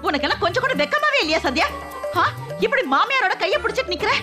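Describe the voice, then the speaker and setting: A woman's voice: very high-pitched, very animated, fast talker. An actress playing a domineering, exasperated middle-aged mother-in-law in a TV serial, scolding and bossing in a melodramatic way. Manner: scolding, bossy, melodramatic wailing. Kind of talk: TV serial acting. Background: background music score.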